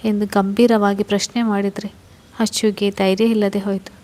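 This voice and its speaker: A woman storyteller reading a serial romance story in a measured, emotive way. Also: mid-range voice, little pitch movement, a little mellow. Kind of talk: scripted narration of a serial story.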